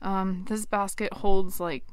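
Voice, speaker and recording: A woman's voice: medium pitch, fairly even intonation, takes it slowly, clear, resonant tone, no room sound. A woman in her thirties chatting casually as she shows off her small wooden camper trailer, with lots of ums and likes, recorded on a handheld phone. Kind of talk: casual show-and-tell. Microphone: handheld phone camera.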